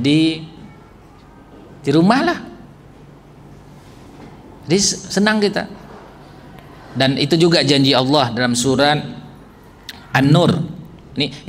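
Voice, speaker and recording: A man preaching a religious family lecture to a live audience in a large hall, engaging the listeners with jokes and questions. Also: a little high. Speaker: Islamic preacher. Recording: echoey hall with faint background noise.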